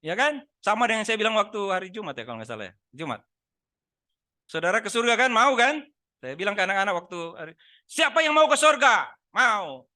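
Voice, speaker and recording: Guy pastor preaching at church, high voice, really bright, keeps asking the crowd stuff. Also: big pitch swings, quick pace. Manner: conversational, teasing the congregation with questions. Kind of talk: sermon. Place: church service.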